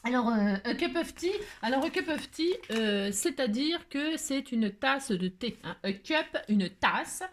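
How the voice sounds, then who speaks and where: Chatty playful woman, fairly high voice. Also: animated, a little slow, hardly any pauses. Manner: playful rambling, jokes, laughs, hums snatches of song. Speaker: crafting vlogger. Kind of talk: chatty crafting tutorial talk.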